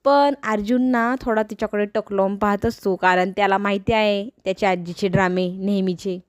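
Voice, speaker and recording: A woman's voice: medium pitch, fairly even intonation, moderate pace, clean tone. A woman with a Marathi accent casually retelling a TV serial episode, lightly acting out the characters' lines as she goes. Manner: casual storytelling, acts out quoted dialogue lightly. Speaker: serial episode recap narrator.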